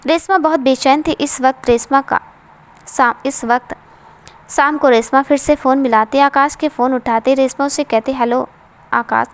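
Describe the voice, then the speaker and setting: A woman narrating an emotional story aloud in a steady, earnest way. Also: high-pitched, moderate pace.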